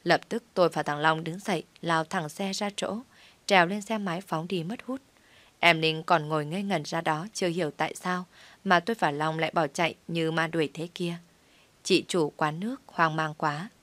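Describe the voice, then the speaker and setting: A woman with a low voice narrates a comic first-person story at an even, steady pace. The sound is close and dry. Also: moderate pace, no room sound.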